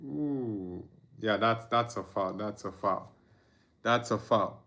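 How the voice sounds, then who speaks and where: Speaking slowly in a lowish voice with a sharp tone, a young Nigerian streamer runs a live football watchalong. He chats loosely, reads viewers' comments out loud, laughs softly, and hums and sings under his breath.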